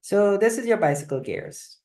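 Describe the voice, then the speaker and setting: A woman leads a live online presentation over a video call mic. Her delivery is casual and conversational, with pauses and restarts and a frequent "right?" to her audience. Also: medium pitch, animated, warm tone. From Guyana. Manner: conversational, halting, often checks in with "right?". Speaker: host of a live online wellness session.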